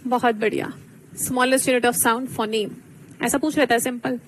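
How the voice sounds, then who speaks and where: A woman with a high, light voice teaches a live online exam-prep class. She explains terms slowly, switching between two languages, and keeps asking her students for answers. Faint noise hums under the close mic. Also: steady tone, poor audio.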